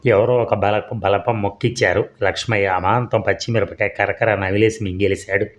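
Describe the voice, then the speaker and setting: A man narrating a serial story for an audiobook in a steady, measured reading. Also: on the low side. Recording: dull lo-fi audio.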